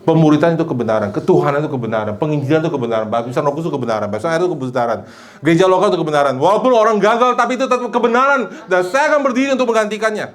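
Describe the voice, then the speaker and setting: Male pastor, lively sermon delivery, slips into English phrases, calls out to his congregation, acts out scenes mid-sermon. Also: a little high, racing, hardly any pauses. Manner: animated, acts out scenes like shouting for a medic. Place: church hall. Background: congregation responding.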